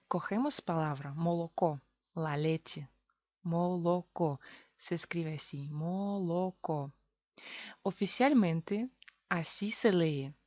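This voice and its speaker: A woman from Russia speaking Spanish with a Russian accent, teaching a language lesson, explaining slowly and repeating example words. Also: deep voice, a little mellow, no room sound, highs cut off.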